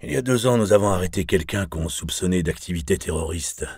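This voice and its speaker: A man reading the part of a calm, probing male French police inspector, asking measured, polite questions. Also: sits low, husky, no room sound, clean studio sound. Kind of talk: audiobook character reading.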